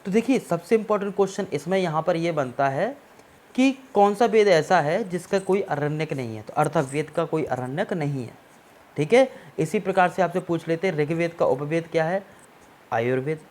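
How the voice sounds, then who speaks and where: A man's voice: a little high, moderate pace, a little mellow. A man teaching an exam-prep history lesson, explaining step by step and often checking that students follow, with English words mixed into his Hindi. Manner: explanatory, repeats "ठीक है ना" to check understanding.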